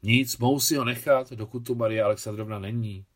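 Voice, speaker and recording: A man's voice: mid-range voice, steady tone, close to an everyday voice. A man voicing a jovial, modest young father and scientist in an audiobook.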